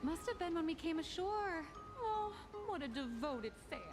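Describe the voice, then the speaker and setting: A woman voicing a whimsical young woman artist in a video game, musing and curious, with an expressive, teasing delivery. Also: extremely high pitch, normal speed, music in the background. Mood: playful, curious.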